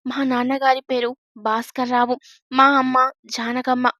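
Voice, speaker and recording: A timid young pregnant woman tells her story in a storybook tale, read by a woman. She speaks hesitantly. The voice is high and recorded dry and close. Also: level tone, moderate pace, fairly bright tone, dry recording.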